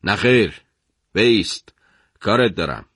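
A man voicing a bullying, threatening male prison major in a radio story, shouting at a prisoner. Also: fairly low pitch, expressive, breathy edge, no room sound, clean studio sound. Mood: angry, scolding. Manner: shouting, bullying, then coaxing.

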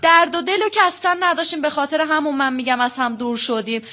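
A young woman telling a counselor about her marriage in long, fast runs, acting out past exchanges. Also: sits high, pushed and bright. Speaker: guest on a counseling show. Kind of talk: emotional personal account.

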